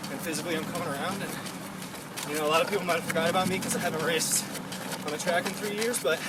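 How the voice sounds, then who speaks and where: Young american dude chatting casually while out on a run, mic kinda far, really loud street noise. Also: male voice, fairly high pitch, fairly even intonation, rapid-fire. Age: 20s. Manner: talking while running outdoors; rambling, informal, peppered with "like". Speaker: runner and online running coach. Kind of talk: casual chat while running. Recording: distant mic, loud outdoor traffic noise.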